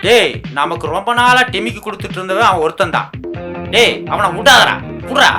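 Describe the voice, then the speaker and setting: A man's voice: sits high, lively intonation, fairly quick. An actor in a short film playing a drunken middle-aged shop owner and frantic father, with a slurred, bossy way of talking that turns to panicked pleading. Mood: excited. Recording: film audio with loud music.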